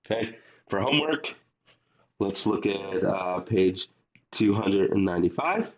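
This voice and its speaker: A man's voice: sits low, lively intonation, measured pace, muffled recording, a crowd in the background. A man teaching a recorded math lesson while under the weather, explaining step by step and speaking directly to his students.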